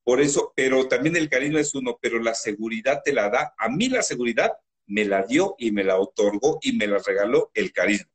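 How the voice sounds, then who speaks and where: A man's voice: mid-range voice, a little fast. Emotional Mexican man telling stories. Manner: animated, loud, emotional. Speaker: interview guest. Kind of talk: emotional storytelling.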